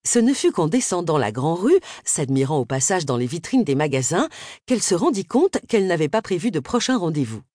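A woman narrating an audiobook in an expressive, scripted reading. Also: on the low side, a little fast, no echo, clean studio sound.

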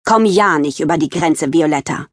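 A grumpy fourteen-year-old sister from a children's storybook, voiced by a woman narrator, brushing her little sister off. She speaks in a low, husky, dismissive tone, recorded dry and close. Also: moderate pace, dry recording.

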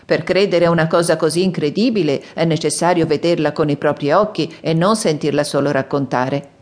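A woman voicing a skeptical, pompous English lord and scholar in an audiobook, slow and measured. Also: deep voice, natural voice. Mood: scornful. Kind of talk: audiobook character voice.

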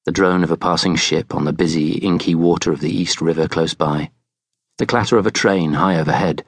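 A man narrating a thriller audiobook in a measured, tense storytelling manner. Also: low voice, dry recording.

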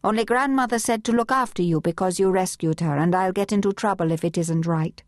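A woman's voice: fairly low pitch, brisk, no room sound, clean studio sound, voice pushed up, close to an everyday voice. A woman reading an audiobook voices a proud teenage girl who speaks sulkily and curtly. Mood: sulky. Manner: sulky, curt.

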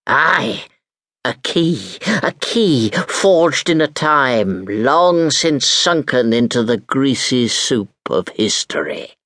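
A man voicing a wicked pirate captain who growls his words slowly and with menace. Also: medium pitch, expressive, a bit bright, no echo. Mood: menacing.

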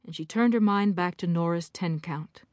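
A woman's voice: fairly low pitch, normal speed, darkish tone, no echo. Woman narrating an audiobook in a dry studio. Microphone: studio microphone.

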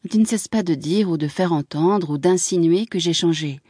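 A woman voicing a lively young wife who pleads and scolds in a quick, breathless way, in an audiobook. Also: fairly low pitch, husky, dry recording, clean studio sound. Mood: pleading. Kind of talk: audiobook character voice.

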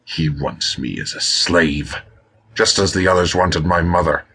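A man's voice: sits low, unhurried, bright, forceful tone, husky, exaggerated voice. A man voicing a proud, hostile male harpy warrior with a rugged, hissing voice, suspicious and contemptuous. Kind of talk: audiobook character reading.

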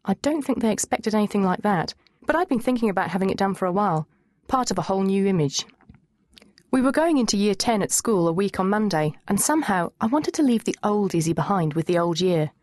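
A woman narrating a first-person teen novel in a lively, wry manner on a close studio mic. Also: mid-range voice, brisk, dry recording. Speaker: audiobook narrator.

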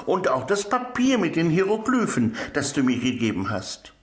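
An eager little Egyptian boy, as a man puts him on, pitched well up and earnest in a children's storybook reading. The voice rings a little in a roomy space. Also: sing-song, normal speed. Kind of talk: children's audiobook character voice.

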